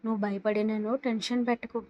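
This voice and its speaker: A woman's voice: fairly high pitch, flat delivery, fast talker, no echo, dull audio, close to an everyday voice. A woman reading the lines of a worried grown son who soothes his mother anxiously. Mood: soothing.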